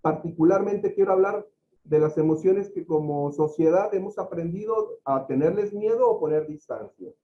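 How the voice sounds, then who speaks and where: High-voiced man lecturing. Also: normal speed, highs cut off. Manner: explains with everyday examples, acts out quoted speech. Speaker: facilitator of a teacher-training talk.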